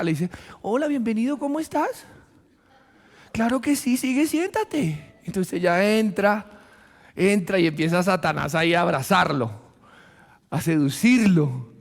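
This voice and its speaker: A Colombian man preaching a sermon as pastor, animated and joking, often laughing, in a church. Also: a little high, vocal fry. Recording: long reverb of a church hall.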